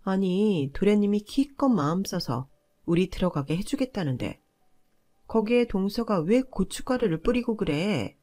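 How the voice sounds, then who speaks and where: A woman's voice: sing-song, normal speed, warm tone, lightly acted. A woman voicing a bossy, entitled older sister-in-law who scolds and talks down to others. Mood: scolding. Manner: shrill, scolding, condescending.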